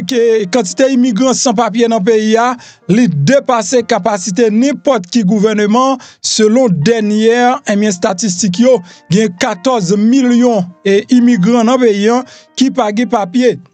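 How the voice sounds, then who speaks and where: A man's voice: very high-pitched, unhurried, a little mellow, dry recording, faint music behind. A Haitian man hosting a news rundown, reading headlines loosely with frequent fillers. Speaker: news host.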